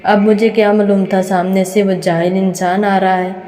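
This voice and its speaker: A woman reading the lines of a quick-tempered young female student who mutters indignantly. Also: mid-range voice, level tone, dark tone, close to an everyday voice. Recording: reverberant room.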